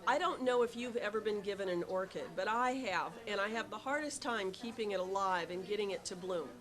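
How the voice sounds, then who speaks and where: A woman's voice: mid-range voice, brisk, crowd noise. A middle-aged woman who runs a tea shop, answering interview questions with many ums and restarts and an eager tone.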